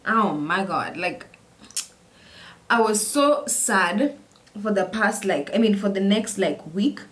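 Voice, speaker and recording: A young woman telling a story in a casual chat while doing her makeup, animated and repetitive, slipping in Swahili words. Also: medium pitch, slow pace. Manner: animated, repeats phrases, mixes in Swahili words. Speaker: vlogger.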